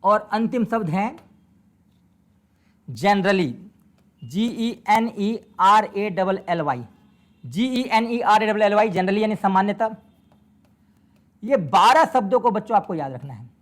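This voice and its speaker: An Indian-accented man teaches grammar as a classroom lecture. He drills his students by saying key words slowly and repeating them. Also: sits high, animated.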